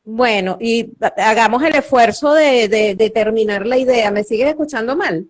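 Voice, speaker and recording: A woman talking as an interview guest over a video call, her voice coming through metallic and robotic, in halting, restarting phrases. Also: fairly high pitch. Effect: metallic, robotic-sounding call audio.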